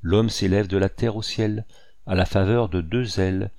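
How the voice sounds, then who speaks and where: A man with a low, gravelly voice reads a classic children's tale aloud. His telling is gentle and steady, recorded close and dry with no room sound. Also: normal speed, no echo. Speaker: narrator. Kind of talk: audiobook reading of a children's tale.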